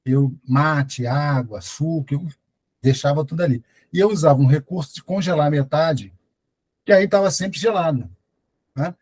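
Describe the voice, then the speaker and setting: A man's voice: on the high side, normal speed, a little mellow, poor audio. A Brazilian man in a study group, telling a personal story with laughs and later leading a prayer. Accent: Brazilian Portuguese. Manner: laughs while telling stories.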